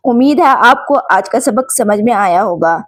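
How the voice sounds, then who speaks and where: A woman teaching Quran pronunciation, slowly sounding out letters and explaining recitation rules in a patient, deliberate way. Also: medium pitch, expressive, dry recording. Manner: clear, deliberate syllable drills with patient explanation. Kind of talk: slow, drilled tajweed lesson.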